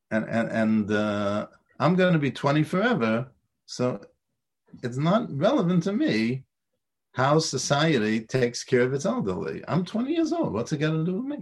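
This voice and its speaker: A man's voice: medium pitch, slightly rough. A man teaching a Torah class, with lots of stammered restarts and rhetorical questions. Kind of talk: lecture on Pirkei Avot.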